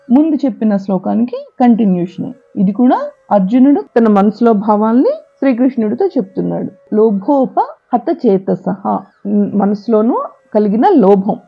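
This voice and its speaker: A woman teaching scripture recitation, chanting each verse slowly and then explaining how to pronounce it. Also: mid-range voice, vocal fry, breathy edge. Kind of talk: slow chanting lesson with explanations. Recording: tinny lo-fi recording with faint music.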